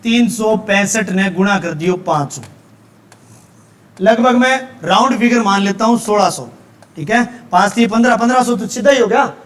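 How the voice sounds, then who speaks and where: A male teacher with a Haryanvi accent lectures his class in a voice pitched unusually high for a man. He lays out his method step by step and keeps pausing to check that the students are following. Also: fairly bright tone. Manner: explains step by step with frequent check-ins.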